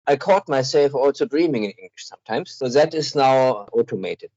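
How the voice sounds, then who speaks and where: A man's voice: medium pitch, lively intonation, normal speed, a little mellow, no echo. Careful man, dry muffled sound. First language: German. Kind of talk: casual discussion.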